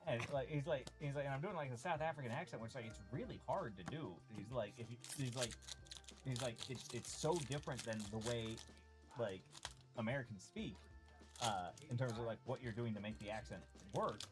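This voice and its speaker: A man chatting casually on a live card-opening stream, rambling through anecdotes with plenty of fillers. His pitch sits in an ordinary middle range. Music plays clearly in the background. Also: fairly quick. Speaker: card break co-host. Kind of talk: casual chat while opening card packs. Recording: music playing behind.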